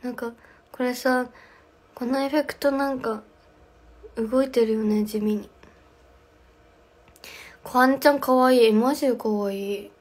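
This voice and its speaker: This is a young woman hosting a livestream from her home, speaking into her phone. Her voice sits a little high, and her talk is loose, casual chat. She reads out viewers' comments and replies to them as she goes. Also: steady tone, a little slow, long pauses. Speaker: livestream host. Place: home, indoors.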